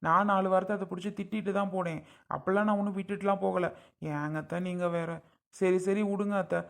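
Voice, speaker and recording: A man's voice: high-pitched, fairly even intonation, quick pace, creaky. A man playing a young husband who protests to his mother-in-law, pleading and exasperated.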